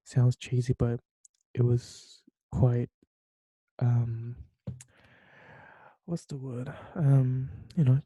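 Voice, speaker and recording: A young man from Taiwan hosts a solo late-night podcast from his bedroom, speaking hesitantly with many fillers and restarts. His mid-range voice is mellow and husky, with no echo, though the sound is dull and lo-fi.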